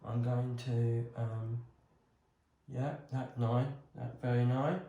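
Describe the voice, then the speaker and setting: A man's voice: mid-range voice, flat delivery, takes it slowly, dark tone, dull audio. A man vlogging casually as he works on a bonsai, talking himself through each step with a lot of hesitant ums. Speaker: crafting vlogger. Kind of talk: casual talk while working on a bonsai. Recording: roomy echo.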